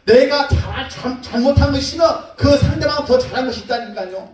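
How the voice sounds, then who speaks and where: A man's voice: very high-pitched, a little fast, darkish tone, soft background music. A male pastor preaching a sermon in an emphatic way, putting rhetorical questions to the congregation. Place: church sanctuary. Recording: echoey hall, mic far off.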